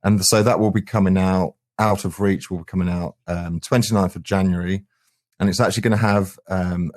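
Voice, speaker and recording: Low-pitched and a little mellow, an English band's singer and guitarist talks earnestly and with enthusiasm as an interview guest. The conversation is casual chat.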